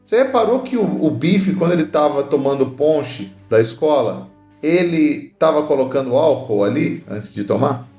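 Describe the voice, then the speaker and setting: Lively man chatting in an echoey room. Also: fairly high pitch, normal speed, soft background music. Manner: lively, recounting trivia with playful asides. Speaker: podcast co-host. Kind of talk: casual film chat.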